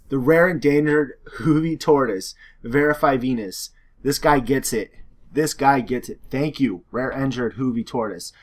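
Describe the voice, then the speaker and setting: A young gaming YouTuber with a hoarse, sore-throated voice reads out viewer questions in a relaxed, rambling Q&A. He leans heavily on "uh" and "like," restarts sentences, and drifts between points, his pitch and pace staying ordinary and mid-range.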